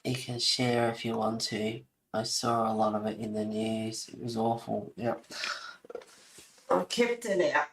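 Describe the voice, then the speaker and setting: A middle-aged woman with a raspy smoker's voice, chatting casually and ramblingly to viewers as she hosts a hobby video. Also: very deep voice, animated, unhurried, poor audio. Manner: rambling, giggly, reading aloud and replying to viewers. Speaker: host of a colouring video. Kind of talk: casual chat to live viewers.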